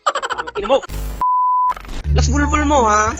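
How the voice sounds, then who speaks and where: A young man shouting constant curses and insults at his opponent while playing a game. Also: extremely high pitch, huge pitch swings, measured pace, vocal fry. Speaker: gamer trash-talking an opponent. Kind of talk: heated gaming banter. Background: game music.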